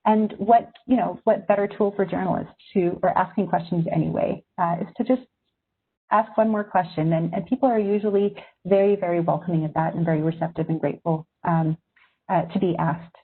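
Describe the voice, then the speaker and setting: Through thin, phone-like video-call audio comes a woman's husky, slightly low voice, steady in tone and brisk. She grew up in Syria and, as a magazine editor, gives journalism students a reflective, thoughtful webinar talk, weighing each point carefully.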